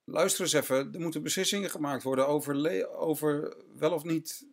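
A man's voice: on the high side, steady tone, fairly quick, vocal fry, pitched above the performer's own voice. A man voicing a stern, commanding Roman governor who presses with insistent questions. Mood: demanding.

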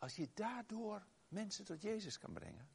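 A male preacher with a gravelly, slightly husky voice, delivering a sermon that weaves in a personal story. His pitch leaps around in lively swings as he exclaims, then drops to a hush. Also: moderate pace. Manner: emphatic, exclaiming, swings loud and soft.

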